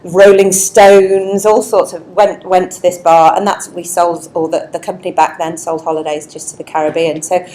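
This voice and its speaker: Woman from leeds, lowish voice, laughs at herself telling her work story into a wireless mic. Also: steady tone, moderate pace, few pauses, mellow, rough recording. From Leeds, England. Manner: chatty, self-deprecating, laughs often. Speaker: guest speaker, company chief executive. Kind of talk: on-stage interview storytelling. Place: indoor networking event. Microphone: wireless microphone.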